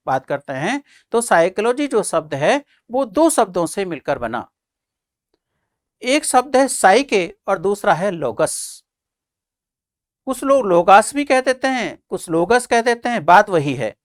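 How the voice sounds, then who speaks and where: This male teacher runs an exam-prep lecture, answering his own questions, restating key points, and calling listeners friends and children. His voice is high, with clean studio sound and no room sound.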